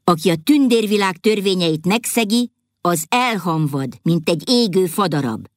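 A woman's voice: on the low side, lively intonation, no echo, clean studio sound, pitched above the performer's own voice, lightly acted. A woman voicing an indignant fairy-tale king who scolds and lays down the law in a storybook reading. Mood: commanding. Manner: scolding, commanding. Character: stern indignant fairy-tale king, male, middle-aged.

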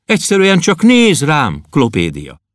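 A man's voice: a little high, wildly swooping pitch, no room sound, clean studio sound, pitched above the performer's own voice. A man voicing a burly, melodramatic poet who wails in mock-tragic self-pity.

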